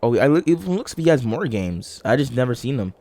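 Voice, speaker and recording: A young man with a groggy morning voice giving rambling, halting commentary while playing a game, full of fillers and restarts. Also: medium pitch, sing-song, warm tone, no room sound. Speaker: gaming channel host. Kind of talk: casual let's-play commentary.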